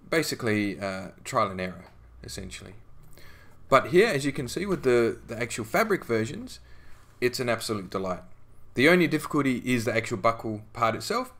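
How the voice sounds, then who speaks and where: A man with a lowish voice provides relaxed, conversational voice-over narration for a scale modelling tutorial. He often fills gaps with ums and restarts what he's saying.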